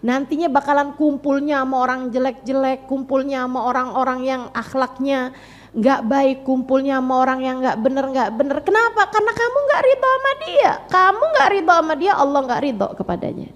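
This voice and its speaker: High-voiced woman preaching. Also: brisk. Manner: lively, shifts between playful storytelling and soft earnest pleading. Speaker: Islamic preacher. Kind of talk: sermon.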